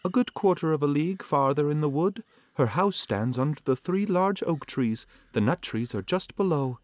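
A man's voice: lively intonation, normal speed, dry recording, close to an everyday voice. A man voicing a trusting, innocent young girl in a storybook reading, in a raised, eager voice. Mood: cheerful. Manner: high, bright and eager.

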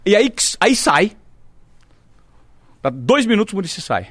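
A man's voice: high-pitched, sing-song, a little slow, a bit bright, dry recording. A man with a Brazilian Portuguese accent, a sports reporter telling a vivid story in a casual podcast chat.

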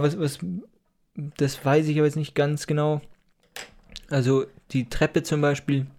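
A man's voice: medium pitch, darkish tone. A man casually explaining things on a podcast, hesitant with many fillers and a teasing edge. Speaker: podcast co-host explaining dialects.

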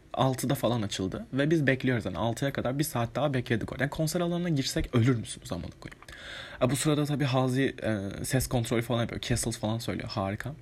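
Guy rambling through a storytime, bit husky, normal pitch, swears a lot, tons of fillers. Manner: chatty, rambling, swears casually, many fillers. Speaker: vlogger. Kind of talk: casual storytime monologue.

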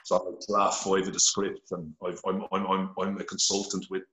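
A middle-aged man from Ireland, earnest and blunt with heavy profanity, tells his story candidly as a podcast guest over a phone held to his face. His low voice is monotone and pushed, bright in tone, at a moderate pace, captured in a roomy, rough recording.

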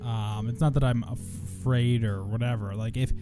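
A man's voice: medium pitch, fairly even intonation, moderate pace, warm tone, faint music behind. A young man hosting a podcast in casual chat, rambling, swearing and poking fun at himself. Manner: profane, rambling, self-mocking. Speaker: podcast host.

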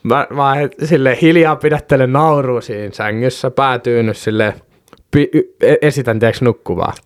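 Man, podcast co-host, medium-pitched voice, lively anecdote, laughs, swears. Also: clean tone, no echo, studio quality. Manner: animated, swearing, laughing while telling. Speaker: podcast co-host telling a story. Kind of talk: casual storytelling chat.

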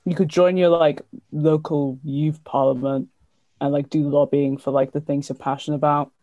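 A woman's voice: low voice, level tone, moderate pace, dark tone, no room sound, highs cut off. A young woman, asking questions and explaining things in casual conversation. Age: young adult. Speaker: interviewer.

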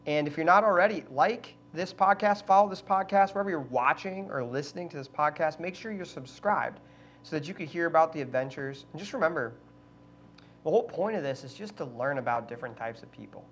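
A man's voice: a little high, animated, brisk, fairly bright tone. A man co-hosting a casual travel podcast, upbeat and chatty with frequent fillers. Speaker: podcast co-host. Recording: slightly dull sound, faint hum.

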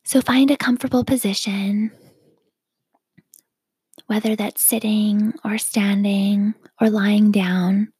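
A woman leading a guided self-awareness meditation, speaking softly and calmly with a whispery, breathy delivery. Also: medium pitch, dry recording, poor audio. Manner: slow, calm, gently instructive.

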